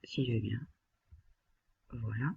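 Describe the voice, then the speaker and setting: Woman instructor, husky voice, patient step-by-step screen tutorial, slightly dull computer-mic sound. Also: very deep voice, fairly even intonation, slow. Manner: patient, step-by-step, addressing the listener directly. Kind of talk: screen-recorded software tutorial.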